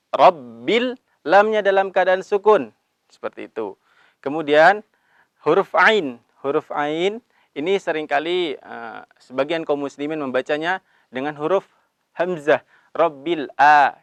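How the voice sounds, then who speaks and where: Indonesian guy teaching quran reading, pitch a bit high, slow chanted bits between quick explaining, dry sound. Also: fairly bright tone, dry recording. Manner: slow drawn-out recitation of verses between brisk explanations; calls himself Abi, patient instructive tone. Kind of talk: recitation lesson with chanted examples.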